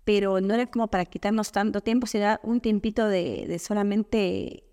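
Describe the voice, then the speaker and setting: Una mujer de Ecuador, invitada en una entrevista informal, que cuenta anécdotas con animación y recrea diálogos. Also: female voice, medium pitch, a little fast, in a large hall. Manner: animated storyteller, quotes others in dialogue. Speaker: guest. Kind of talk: casual conversational interview.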